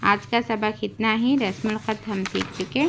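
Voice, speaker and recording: A woman with an Urdu accent teaching Quran reading, spelling out letters and vowel marks in a slow, drawn-out recitation lesson. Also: mid-range voice, steady tone, gravelly. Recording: dull lo-fi home recording, faint hiss.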